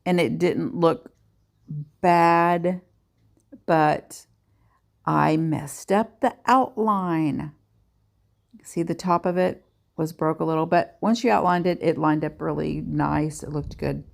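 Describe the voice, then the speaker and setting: A woman's voice: low voice, fairly even intonation, slow pace, gravelly, pauses often. A woman giving a chatty, self-deprecating nail art tutorial in a casual voice-over.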